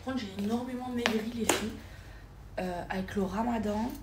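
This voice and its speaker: A woman's voice: medium pitch, moderate pace, very noisy. A woman in her thirties chatting casually to her followers in a vlog, filming herself on the go. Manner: chatty, keeps calling out to her viewers. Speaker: vlogger. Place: indoors then car and shops, mostly on the go.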